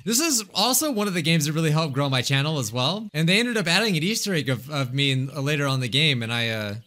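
High-voiced, excitable young man gaming. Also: fast. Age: young adult. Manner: excitable, rambling. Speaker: gaming video host. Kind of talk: casual gameplay commentary. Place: small room indoors. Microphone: close desk microphone with headset.

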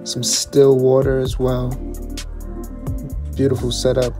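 A young man, a chef and vlogger, casually talking through a restaurant tasting menu with excited repetition and restarts. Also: mid-range voice, slow pace, over music. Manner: enthusiastic, repeats words, restarts.

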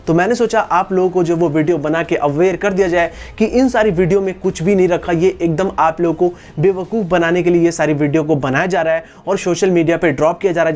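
This Indian-accented YouTube host in his twenties has a fairly high, darkish voice, and the recording is muffled. He explains things straight to camera from a small room against a wall, using a lapel mic.

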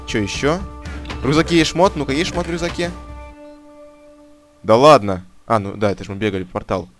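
A young man commentating his own game as he plays, shouting and swearing under fire, then mumbling to himself while looting. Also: medium pitch. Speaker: gamer commentating his playthrough. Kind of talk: solo let's-play commentary. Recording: game music loud behind the voice. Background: game music and gunfire.

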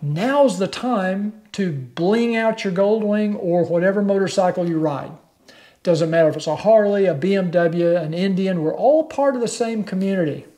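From his living room, an older man addresses the camera in a direct-to-camera motorcycle vlog, plain-spoken and persuasive. His voice sits high with a dark tone, at normal speed.

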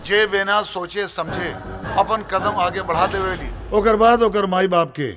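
A man's voice: sits high, unhurried. A man acting as an evasive, scornful government minister in a film, speaking with a Bhojpuri accent in pompous, dismissive, broken phrases. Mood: scornful, defensive. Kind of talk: film drama dialogue. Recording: music behind the voice.

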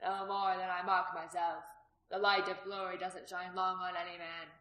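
A woman reading the part of a sly, prosperous, graying male innkeeper who talks loudly and teasingly, in a storybook reading. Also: lowish voice, flat delivery, moderate pace, natural voice. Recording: roomy echo.

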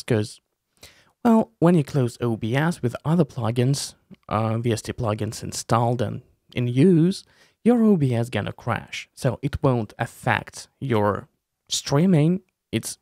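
This young adult tutorial host and streamer has a creaky, mid-range voice and talks slowly with animation. His casual software tutorial is informal, walking through steps with playful asides. Recorded indoors at a desk in a small room on a close desk mic with headphones, it has studio quality and no room sound.

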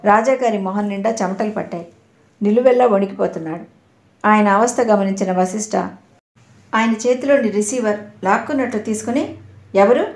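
A woman reading a suspense novel aloud as a steady storyteller, in a roomy echo. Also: mid-range voice, a little fast. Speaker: audio novel narrator. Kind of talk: scripted narration.

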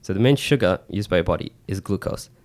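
A man explaining things informally and haltingly as a podcast co-host, close on a studio mic. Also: sits low, darkish tone. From New Zealand. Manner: halting, informal, peppered with "you know". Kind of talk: casual explanatory chat. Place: small indoor podcast studio. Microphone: close boom-arm studio mic with headset.

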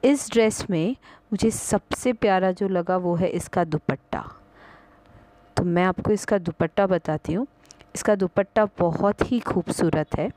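Slow, low-voiced woman shopping vlogger. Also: darkish tone, dry recording, low-quality recording. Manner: chatty, mixes Hindi and English, frequent "uh" fillers. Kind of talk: casual vlog narration.

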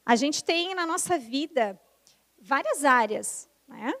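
A woman's voice: sits high, lively intonation, slow pace, fairly bright tone. A woman, giving a testimony in a church and asking the congregation questions as she talks. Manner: conversational, asks the audience questions. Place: church hall, indoors, large. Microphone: handheld mic at a pulpit.

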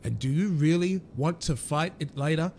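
A man's voice: a little high, moderate pace, darkish tone, a little hiss or hum. A man playing a crime role-play game, talking in character in a brash, sweary, confrontational way. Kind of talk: in-character gaming banter.

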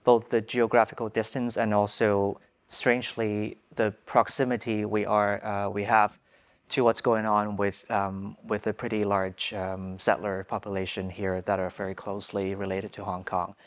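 A man's voice: lowish voice, level tone, normal speed. A man in his thirties moderating a studio panel discussion as host, speaking in a hesitant, thoughtful way on a lapel mic. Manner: hesitant, thoughtful, with many fillers. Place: dark studio stage.

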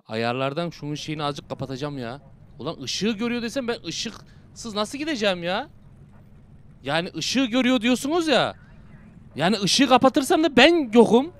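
Young male gamer for a horror let's play, loose and slangy, loud outbursts and low mutters, voice a bit on the high side. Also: slight background noise. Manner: casual slangy banter with viewers. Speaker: gaming YouTuber.

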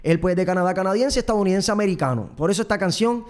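A young Puerto Rican man hosts a show, his voice sitting high with lively intonation and a quick pace. A singer as well as a host, he rambles in a repetitive, self-promoting comic monologue with a Puerto Rican accent. The setting is an indoor studio set, with a close desk microphone and headphones.

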